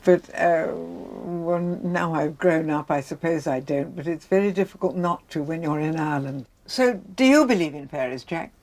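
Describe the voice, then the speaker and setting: A woman's voice: low-pitched, normal speed, hardly any pauses, a little mellow. An older woman chatting casually as a travel co-presenter. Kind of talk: casual conversation.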